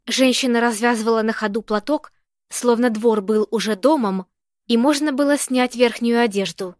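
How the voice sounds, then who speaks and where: A woman reading a novel aloud as narrator in an even, steady manner. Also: fairly high pitch, moderate pace, no echo, clean studio sound. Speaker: audiobook narrator. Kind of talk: scripted narration.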